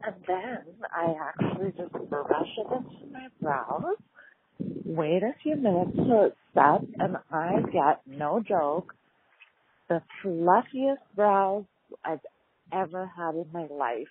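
A woman's voice: on the low side, expressive, slow, background noise. A woman leaving a chatty, rambling voicemail over the phone, as though walking or driving. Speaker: caller. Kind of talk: casual phone message. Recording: tinny phone-line voicemail.

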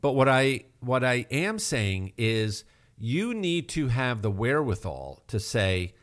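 Lively slow-talking male health show host. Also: mid-range voice. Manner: explanatory, emphatic, rhetorical questions. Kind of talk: radio health talk.

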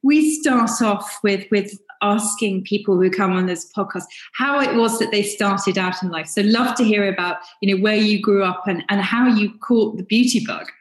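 A woman's voice: medium pitch, moderate pace, hardly any pauses, roomy sound, poor audio. A woman hosting a podcast interview, welcoming her guest with encouraging interjections. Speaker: podcast host.

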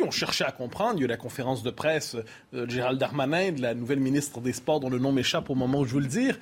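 Man giving political commentary, animated pitch, husky voice. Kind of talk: political commentary on a TV debate show.

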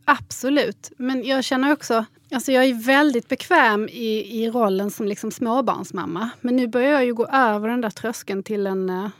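Reflective woman, slightly high, dry sound. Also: fairly even intonation, hardly any pauses, dry recording. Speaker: podcast co-host. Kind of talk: casual chat.

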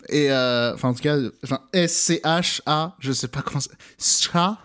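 A man's voice: medium pitch, normal speed, fairly bright tone, smooth. Hesitant male co-host searching for words. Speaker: podcast co-host. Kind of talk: casual podcast chat.

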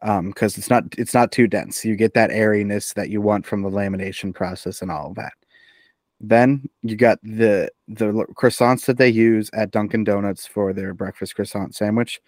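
A man's voice: on the low side, steady tone, normal speed, a little mellow, no room sound, studio quality. A man co-hosting a podcast, chatting casually in a rambling way, full of fillers. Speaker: podcast co-host. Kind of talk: casual chat.

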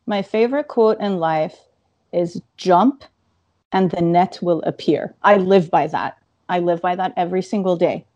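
A woman in her thirties tells her story as a podcast guest, in a voice that sits a bit low. She is animated and slips into acted-out inner thoughts. The sound is dry and close, with no room around it. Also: measured pace, no room sound. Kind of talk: casual storytelling interview.

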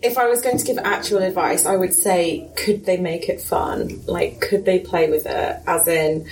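A woman's voice: lowish voice, moderate pace, darkish tone, low-quality recording. A woman of thirty, a life coach guest, telling stories and giving thoughtful advice in casual chat. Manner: thoughtful, storytelling, gives advice.

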